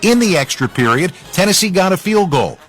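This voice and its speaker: Punchy, higher-voiced man hosting sports highlights. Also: big pitch swings, a little fast, a bit bright, faint music behind. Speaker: sports radio highlights host. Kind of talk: scripted football roundup narration with conversational asides.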